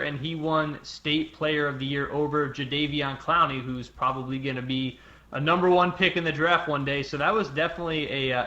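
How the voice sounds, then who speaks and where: A man's voice: mid-range voice, bright, forceful tone, reverberant, dull audio. A man working as a sports analyst, answering questions in a knowledgeable, breezy way. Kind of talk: studio sports talk.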